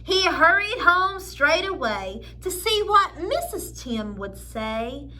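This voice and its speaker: Bright, high-voiced woman reading to children. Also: slow, poor audio. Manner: expressive, explains the pictures in simple asides. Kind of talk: children's picture book read-aloud with asides to listeners.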